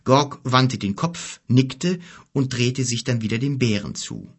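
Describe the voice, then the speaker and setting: A man narrating a fantasy story as an audiobook reader, in a lively, expressive reading. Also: mid-range voice, measured pace, husky.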